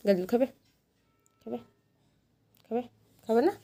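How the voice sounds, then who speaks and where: Casting note: a woman, a fairly high voice, cooing baby talk to a pet. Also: unhurried, warm tone. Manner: coaxing, cooing, repeating words. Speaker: vlogger talking to her pet rabbit.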